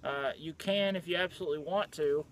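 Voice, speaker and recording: A relaxed man talks to the camera in a loose show-and-tell way, his voice sitting a little on the high side. He is recorded outdoors on a camera mic, with a faint hum of traffic and open-air ambience behind him. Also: a little fast. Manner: relaxed and conversational, frequent "uh" fillers. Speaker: Civil War reenactor showing his uniform.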